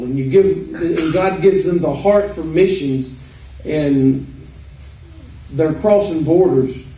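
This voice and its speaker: A man with an Arkansas accent giving an informal, folksy sermon with halting pauses. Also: a little high, mellow. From Arkansas, United States. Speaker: preacher. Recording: roomy echo, distant microphone.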